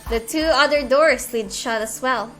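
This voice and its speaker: A woman's voice: a little high, moderate pace, faint music behind. A woman streamer reading a visual novel aloud, with chatty asides in between.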